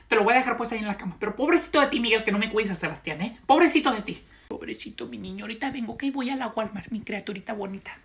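A man playing a shrill, bossy Mexican mom. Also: expressive, rapid-fire. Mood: scolding. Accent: Mexican Spanish. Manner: yelling, cursing, bossy. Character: loud scolding Mexican mother, short-tempered. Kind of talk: comedy sketch.

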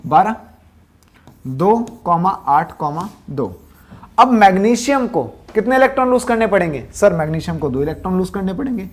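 A male science teacher runs a classroom lesson at normal speed with big pitch swings. He fires off quiz questions and answers them himself, dropping lower for the answers and repeating key terms like a drill.

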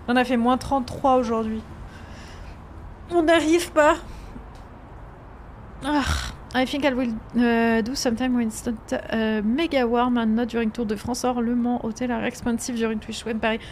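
A woman's voice: a little high, steady tone, normal speed, darkish tone, a little hiss or hum. A woman chatting during a live gameplay stream, reacting to viewers' messages and sometimes slipping into English with a French accent.

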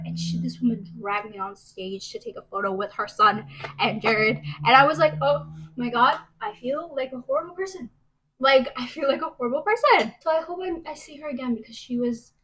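In a casual vlog, a college-aged young woman talks to camera, drifting off on gossipy tangents, first in her kitchen with a phone propped at arm's length, then in a bedroom using a handheld mic. Her voice is fairly high and fairly bright, and the audio quality is low.

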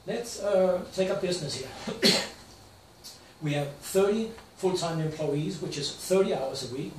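An older man from Denmark with a Danish accent, a financial advisor walking through slides in a plain, matter-of-fact way with some stumbles. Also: on the high side. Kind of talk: slide presentation. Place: small room with projector screen. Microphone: far camera. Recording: roomy, distant camera sound with faint hiss.

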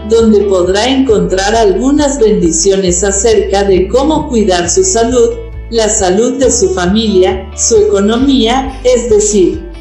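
A woman reads a scripted announcement slowly and calmly in a mellow voice. Her voice echoes in a room, with soft music underneath. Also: medium pitch.

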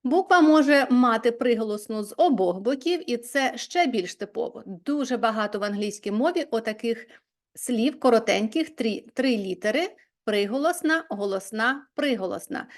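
A woman's voice: on the high side, expressive, moderate pace. A woman teaching English spelling in a video lesson, explaining patiently step by step and reading example words aloud.

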